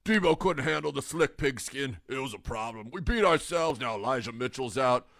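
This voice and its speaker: A man playing a grumpy father who answers his son in blunt, gruff jabs. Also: mid-range voice, expressive, normal speed, fairly bright tone, no room sound, studio quality. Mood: grumbling. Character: grumpy middle-aged sports dad.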